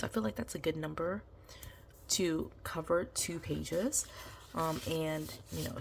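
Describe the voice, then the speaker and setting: A fairly low-pitched woman with vocal fry chats about decorating her planner, with a little hiss or hum in the recording. Sick and stuffed up, she sounds nasal and her voice is giving out. This vlogger's plan-with-me talk is casual and wandering, peppered with ums and you-knows.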